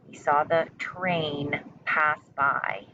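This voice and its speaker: A woman's voice: sits low, fairly even intonation, extremely slow, sharp tone. A woman teacher giving a spelling lesson and dictation, enunciating carefully and repeating in an encouraging, instructional way. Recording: muffled lo-fi sound with faint noise.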